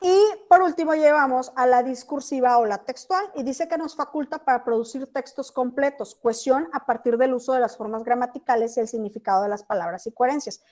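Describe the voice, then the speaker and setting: A high-voiced woman teacher from Chiapas, Mexico, gives an online class lecture over a video call. She keeps checking whether her students are following along. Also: a little fast, few pauses, a little mellow. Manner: checks in often with students, asking "¿sí?".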